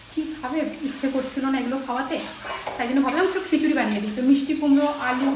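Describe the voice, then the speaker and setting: Fast, high-voiced chatty young woman. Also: a little mellow, slight background noise, rough recording. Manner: chatty, rambling. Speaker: vlogger and mother. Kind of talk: casual home vlog chat. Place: at home, indoors.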